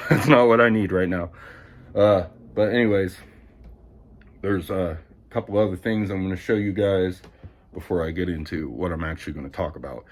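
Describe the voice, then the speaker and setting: Low-voiced man rambling casually. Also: normal speed, pauses often. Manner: rambling, self-deprecating, chatty. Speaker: vlogger. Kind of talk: casual show and tell. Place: indoors at home.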